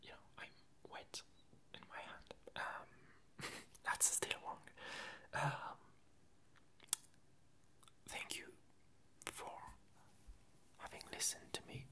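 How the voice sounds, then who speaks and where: Slow and bright, this whispered ASMR chatter from a video creator meanders casually. The speaker hesitates, halts, and self-corrects as they go.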